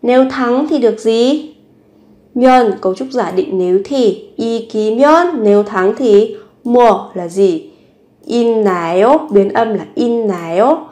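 A woman teaching Korean vocabulary, repeating each word slowly and carefully. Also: a little high, warm tone. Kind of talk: vocabulary lesson with repeated example phrases.

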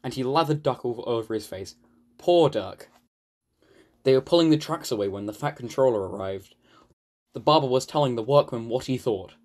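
A man from the United Kingdom narrating a children's storybook in an animated, expressive way. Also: medium pitch, moderate pace. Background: background music.

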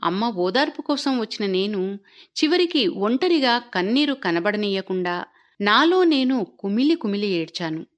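A woman reading an autobiography aloud in an earnest, measured storytelling manner, lifting and dropping her voice for the people she quotes. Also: medium pitch, big pitch swings. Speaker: audiobook reader.

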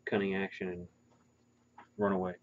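A man playing a tabletop game, mumbling quietly away from the microphone. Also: low-pitched, level tone, normal speed. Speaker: player. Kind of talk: casual tabletop game play. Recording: distant lo-fi recording, loud hiss.

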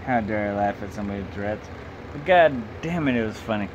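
A man's voice: on the low side, lively intonation, a little fast, lo-fi sound. A young man, drunk, giving a loose, blunt, sweary casual video review in a small room. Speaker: amateur film reviewer. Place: small bedroom, indoors. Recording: clear background hum and noise.

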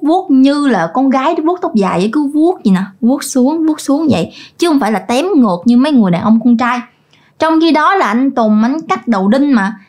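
A woman's voice: sits high, darkish tone. A woman, narrating a ghost story in a chatty, colloquial way, addressing listeners.

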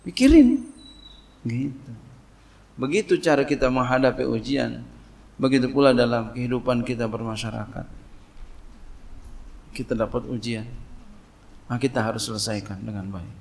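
A middle-aged man giving a casual, lively sermon, acting out little dialogues and translating Arabic phrases. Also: mid-range voice, moderate pace, gravelly, pauses often. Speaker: Islamic preacher teaching a classical text. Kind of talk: casual sermon in Indonesian with Jakarta slang.

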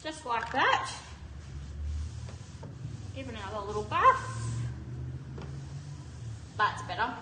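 A chatty woman whose voice bounces back from inside a cupboard, giving it a hollow, boxy echo. Her pitch sits a little high, and loud street noise runs underneath her talk. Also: sing-song, slow pace, pauses often. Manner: chatty, gentle, laughs often. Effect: echoey from talking into a cupboard. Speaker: shop owner demonstrating furniture finishing. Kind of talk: casual livestream demonstration. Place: retail shop with doors open. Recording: echoey shop with loud traffic noise.

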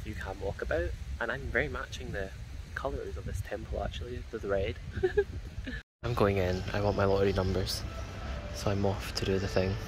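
Holding a phone at arm's length, a young travel vlogger chats cheerfully through his outdoor tour of temples and parks, drifting into rambling asides. His voice leans low and moves at a moderate pace, with noise in the background.

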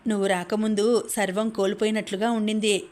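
A woman reading as a gentle, supportive young man. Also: mid-range voice, flat delivery, a little fast, natural voice.

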